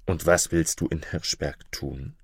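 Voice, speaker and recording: A man voicing a mountain spirit disguised as a respectable burgher, speaking gently and consolingly. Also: rumbling low, fairly even intonation, measured pace, husky, no room sound, studio quality, pitched below the performer's own voice, exaggerated voice. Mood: gentle.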